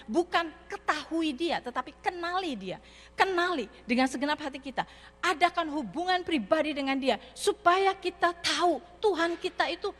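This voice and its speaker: Woman preacher, sermon, animated storytelling, long hall reverb. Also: sits high. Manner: animated, addresses the congregation directly. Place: church hall.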